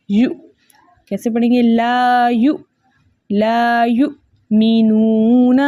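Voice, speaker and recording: In a dry recording, a woman teaches tajweed, the rules of Quran recitation, in Urdu with a Pakistani accent. Her voice is medium-pitched and dark; she patiently repeats each point, checks understanding, and chants verses slowly.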